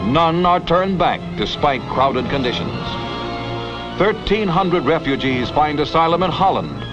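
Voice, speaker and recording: A man giving scripted, emphatic newsreel narration, heard as an old newsreel soundtrack. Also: mid-range voice. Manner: dramatic, emphatic announcer delivery. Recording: dull lo-fi vintage newsreel audio with music. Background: music.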